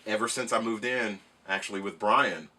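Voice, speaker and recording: A man's voice: on the low side, moderate pace, pushed and bright. A man from Nashville, Tennessee, co-hosting a casual podcast, teasing his guest and swearing freely. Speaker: podcast co-host. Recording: distant mic with faint noise.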